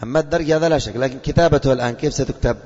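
This male religious teacher talks very fast in a mid-range voice that's a little mellow and slightly rough. He quizzes students in a classroom lesson and repeats what they answer, all captured in dull lo-fi audio with long reverb.

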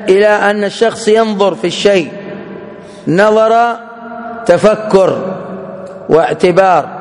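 A man teaching a religious lesson in a measured, explanatory way, spelling out each point with care. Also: sits high, big-room sound. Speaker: Islamic teacher.

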